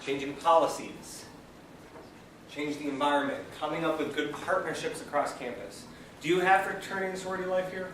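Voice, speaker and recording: A man's voice: a little high, fairly quick, fairly bright tone. A man leading a peer education training session in a training room, speaking energetically and asking the group questions. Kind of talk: classroom training lecture. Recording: echoey room, mic far off, background noise.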